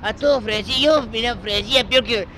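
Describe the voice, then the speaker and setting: Córdoba man spinning a wild anecdote outdoors, high bright voice, shouty. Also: fairly quick, a little hiss or hum. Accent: Córdoba Argentine. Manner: loud, shouting quoted lines, laughing. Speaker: storyteller. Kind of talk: animated anecdote telling.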